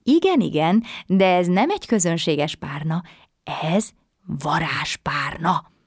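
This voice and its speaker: A woman voicing a small, cheerful, helpful fairy with butterfly wings in a bedtime story, speaking brightly and encouragingly. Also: on the low side, expressive, slightly rough, no echo, clean studio sound.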